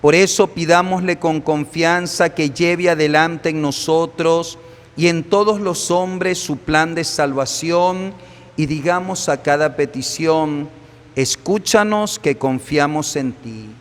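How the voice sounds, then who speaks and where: Slow, solemn priest in a reverberant church. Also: male voice, a little high, smooth. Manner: solemn, measured, deliberate phrasing. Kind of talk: sermon and liturgical prayer. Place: large echoing church. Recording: long reverberant church echo.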